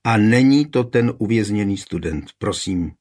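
A man's voice: on the low side, animated, a little mellow. A man voicing an anxious, blunt young servant who blurts things out, in a historical storybook reading. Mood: urgent. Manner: blurting, urgent.

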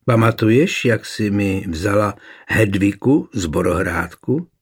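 A man reading a historical novel aloud voices a calm, mocking young nobleman taking revenge on his wife. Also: lowish voice, husky.

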